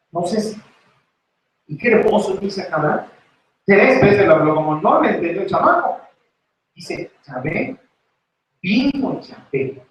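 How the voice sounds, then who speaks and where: A man preaching a lively sermon and acting out the voices in the story. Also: sits high. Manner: animated, acts out voices in the story. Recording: very echoey church recording from far off.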